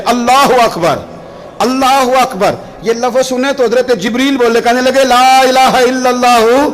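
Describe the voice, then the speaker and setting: A male preacher giving an impassioned sermon, acting out voices in the story and chanting Quranic verses slowly. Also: a little high, slight background noise. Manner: dramatic storytelling, acting out quoted voices, rising to impassioned calls. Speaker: Islamic preacher.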